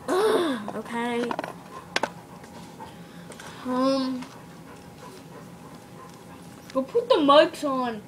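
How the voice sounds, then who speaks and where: A woman's voice: high-pitched, background noise. A woman directing her toys in a home video, bossy and giggly.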